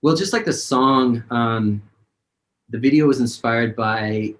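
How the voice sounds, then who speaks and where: A man's voice: mid-range voice, slow, low-quality recording. A man, a singer-songwriter, talking casually and rambling with many fillers in a video-call interview.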